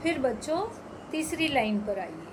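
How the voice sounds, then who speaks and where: A woman teaching young children, stretching each drill word out slowly and clearly. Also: sits high, very animated, noisy background. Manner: slow, drawn-out word-by-word pronunciation drills. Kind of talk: Hindi phonics lesson for young children.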